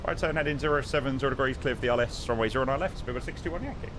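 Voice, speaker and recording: A man's voice: mid-range voice, very fast, background noise. A man chatting casually as a flight sim streamer, switching into pilot readbacks. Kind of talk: casual chat mixed with radio readbacks.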